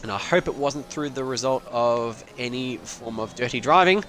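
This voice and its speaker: A man's voice: mid-range voice, moderate pace, a bit bright, a little hiss or hum. Casual man commentating a sim race. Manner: casual, rambling, swears and laughs. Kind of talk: live esports race commentary.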